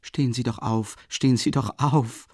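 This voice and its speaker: A man's voice: medium pitch, steady tone, darkish tone, no echo, clean studio sound, voice pushed up, natural voice. A man voicing a serious young woman. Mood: earnest. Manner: earnest, measured.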